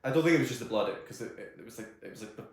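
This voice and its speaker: A man's voice: mid-range voice, lively intonation, rapid-fire. A man co-hosting a podcast, talking casually with frequent restarts and dry wit. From United Kingdom. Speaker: podcast co-host. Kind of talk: casual film chat. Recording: echoey room.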